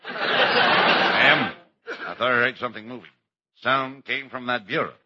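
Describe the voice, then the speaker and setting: A man's voice: medium pitch, unhurried, close to an everyday voice. An actor playing a fussy police lieutenant as straight man, in the manner of a 1930s radio cop comedy. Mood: earnest. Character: fussy, easily scandalized police lieutenant, detective's sidekick. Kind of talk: old-time radio comedy acting. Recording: muffled, very noisy old radio recording.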